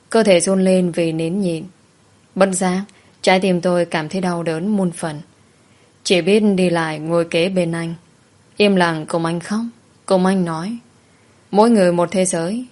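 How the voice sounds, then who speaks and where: Low-voiced woman narrating a sad story. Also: darkish tone. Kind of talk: scripted first-person audio story narration.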